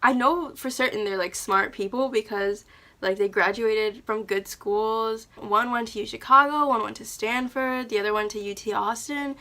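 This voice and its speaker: A woman's voice: fairly high pitch, normal speed, sharp tone. A young American woman in a casual, exasperated rant to camera, talking emphatically and peppering her sentences with "like". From United States. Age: young adult. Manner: exasperated, emphatic, conversational with frequent 'like'. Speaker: vlogger, exchange student.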